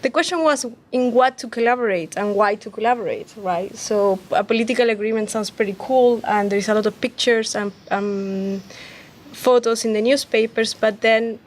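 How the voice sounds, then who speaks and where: A woman from Chile with a Chilean accent, hoarse from a cold, talking haltingly as a panelist about herself. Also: on the high side. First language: Spanish. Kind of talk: panel talk, recounting background.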